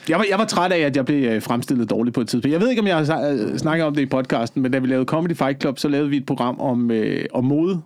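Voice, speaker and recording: A man's voice: medium pitch, expressive, few pauses, a little mellow. A comedian man co-hosting a podcast, talking earnestly and hesitantly with fillers. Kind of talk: casual podcast chat.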